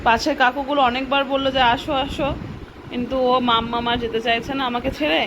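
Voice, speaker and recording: Young mother, high voice, coaxing and chatty, noisy home recording with passing vehicles. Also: fairly even intonation, fast. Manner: coaxing and repetitive with her children, chatty aside to viewers. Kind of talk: casual home vlog, talking to her children and viewers. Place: at home, indoors.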